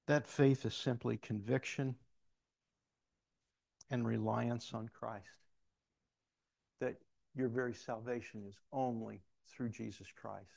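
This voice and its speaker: A man's voice: mid-range voice, fairly even intonation, slow, vocal fry, long pauses, darkish tone. A middle-aged man preaching a sermon, telling a personal story and acting out the voices of the people in it. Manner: storytelling, acts out quoted voices with asides.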